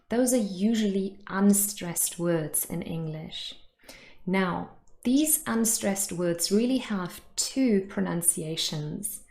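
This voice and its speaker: A woman teacher explains pronunciation in a clear, measured way. She speaks slowly, and there is a noticeable echo from the room around her. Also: medium pitch, darkish tone. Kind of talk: explanatory lesson.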